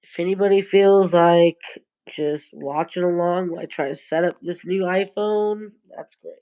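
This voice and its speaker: A woman's voice: on the low side, fairly even intonation, moderate pace, highs cut off. Congested woman rambling on a livestream. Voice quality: nasal, congested. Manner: rambling, loose, a little stoned. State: stuffed up with a cold. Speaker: livestream host. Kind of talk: casual livestream chat. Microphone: phone or tablet camera.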